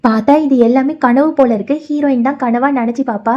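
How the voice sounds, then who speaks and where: A woman's voice: high voice, steady tone, fast talker, warm tone, dull audio. A woman casually retelling the plot of a drama in chatty storytelling. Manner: chatty storytelling, voices the quoted lines lightly.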